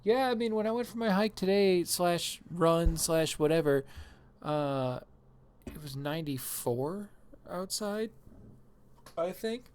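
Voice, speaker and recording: A woman's voice: low-pitched, measured pace, darkish tone, clear, resonant tone. A woman live streamer chatting casually while gaming, rambling and self-deprecating and laughing often.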